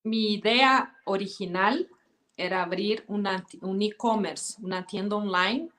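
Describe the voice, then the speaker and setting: A woman's voice: medium pitch, a little slow, fairly bright tone. Brazilian guest, a woman with a mid-range voice, easygoing. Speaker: guest, former model and influencer. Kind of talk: casual interview chat.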